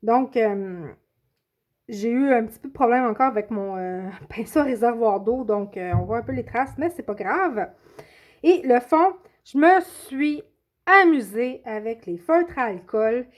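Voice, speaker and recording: A woman's voice: a little high, lively intonation, a little slow. A woman casually showing her finished coloring pages, hesitating often and correcting herself. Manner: hesitant, many filler sounds and self-corrections. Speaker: coloring channel host.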